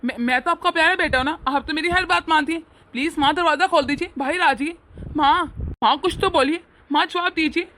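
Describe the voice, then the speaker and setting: A woman voicing a young married son who earnestly pleads with and lectures his family in an animated family drama. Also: sits high, brisk. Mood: pleading.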